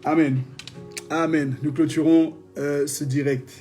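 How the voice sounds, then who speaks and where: A man leading a live-streamed prayer session, reading testimonies and preaching in a lively, exclamatory way, often joking with his viewers. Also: a little high, a little slow. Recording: faint music behind.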